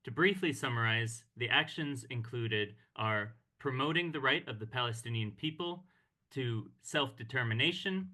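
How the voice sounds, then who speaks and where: A man with a bright, forceful tone delivers a formal, measured address over a video call. He speaks as an organization's director, with the odd hesitation between points. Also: medium pitch. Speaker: executive director of a peace organization. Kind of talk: online meeting speech. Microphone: computer mic on a video call.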